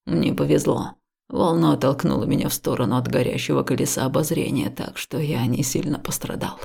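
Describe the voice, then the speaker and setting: Woman lowering her voice for a husky, tender young boyfriend. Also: fairly even intonation, a little fast, exaggerated voice. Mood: soothing. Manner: soft, soothing, half-whispered. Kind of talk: audiobook character voice.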